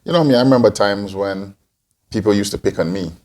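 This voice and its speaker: A man's voice: fairly low pitch, a little fast, a little mellow. A man in his forties, from Guyana and raised in Antigua, answering interview questions as a podcast co-host, rambling with many restarts. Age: 40s.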